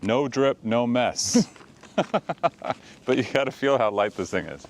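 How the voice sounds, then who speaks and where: A man's voice: medium pitch, a little slow. A man casually chatting outdoors by a campfire in falling snow, rambling with lots of fillers. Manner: rambling, filler-heavy talk with many "like"s. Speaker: channel co-host. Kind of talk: casual chat.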